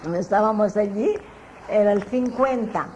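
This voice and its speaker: A woman's voice: medium pitch, normal speed, darkish tone, a little hiss or hum, poor audio. An older woman from the Philippines with a Filipino Spanish accent, being interviewed and telling family memories in a chatty, meandering way with frequent laughs at herself. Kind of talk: relaxed storytelling recollection.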